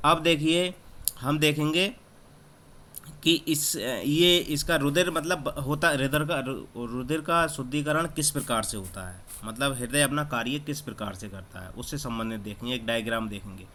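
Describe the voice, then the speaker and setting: A man's voice: medium pitch, moderate pace, sharp tone. A man teaching an exam-prep lesson, who asks a question, then answers it himself and repeats each key term. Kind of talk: exam-prep lesson over screen recording. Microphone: screen-recording app mic.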